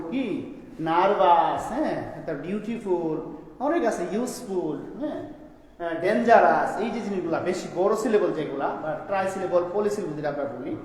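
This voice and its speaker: A man's voice: sits high, darkish tone. A man teaching a classroom grammar lesson, explaining step by step and asking his students questions as he goes. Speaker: school teacher. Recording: echoey room, long reverb.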